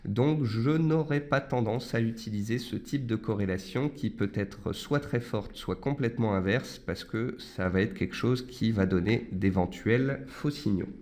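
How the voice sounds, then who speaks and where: A man's voice: on the low side, measured pace, hardly any pauses, a little mellow. A man hosting a morning market briefing, explaining things step by step and speaking directly to his listeners as an analyst. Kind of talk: live financial market commentary with audience questions.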